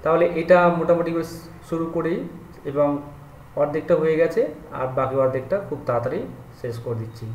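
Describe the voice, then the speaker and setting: Bengali-speaking male teacher, pronunciation lesson, asks then answers, fairly high voice, echoey room, far from mic. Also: brisk, long pauses, a little mellow, dull audio, a little hiss or hum. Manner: repeats each point as a question and answer. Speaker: English teacher. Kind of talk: spoken grammar lesson.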